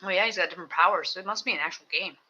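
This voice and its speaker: Rambling home streamer with a sharp, bright voice who chats and builds at the same time. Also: mid-range voice, very fast, lo-fi sound. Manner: chatty, thinks aloud, self-mocking asides. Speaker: live streamer building toy sets. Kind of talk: casual rambling chat while building. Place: home desk with two computers.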